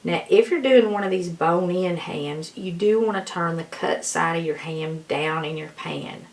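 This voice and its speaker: A woman gives a folksy, casual cooking tutorial in a hoarse voice that is giving out. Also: fairly low pitch, unhurried. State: hoarse, losing her voice. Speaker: home cook presenting a recipe.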